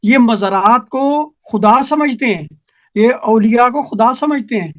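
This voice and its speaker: A man's voice: very high voice, lively intonation, highs cut off. A man in a heated religious debate who talks dismissively and lectures, often cutting in over the other speaker. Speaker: debate opponent.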